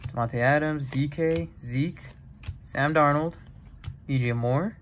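A young man talks his way through opening a box of trading cards, reading names one after another at an unhurried pace. He gets chatty and excited over the big pulls. A faint hum of room noise sits behind him. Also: fairly high pitch. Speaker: card-breaking YouTuber. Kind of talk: casual card-opening vlog.

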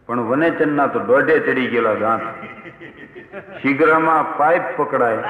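A man telling a comic folk tale, chuckling through a lively delivery full of quoted exchanges. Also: on the high side, phone-quality sound. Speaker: storyteller. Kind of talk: humorous folk storytelling. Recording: echoey hall with long reverb.

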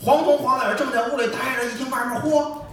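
A man with a Beijing accent telling a comic story on stage in a lively, punchy crosstalk style. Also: extremely high pitch, a little fast, slight background noise. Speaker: comedian. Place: theater stage. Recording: echoey stage audio from far off.

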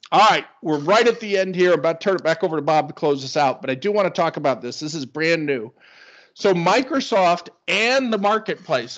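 Guy running a tech webinar, chatty and excited, kinda muffled web call audio. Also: a little high. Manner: enthusiastic, conversational explainer. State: hiccups. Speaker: webinar presenter. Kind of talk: screen-share tech webinar.

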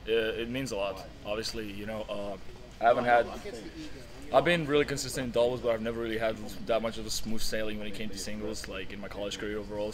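A man's voice: on the low side, rough recording. A young man, a college tennis player, giving a casual post-match interview outdoors at night by the courts, earnest and full of fillers. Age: young adult.

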